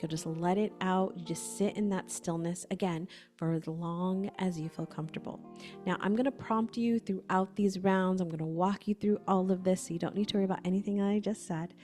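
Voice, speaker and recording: In a lowish voice, a woman facilitator gives gentle, conversational instructions for a breathwork session, often saying "like."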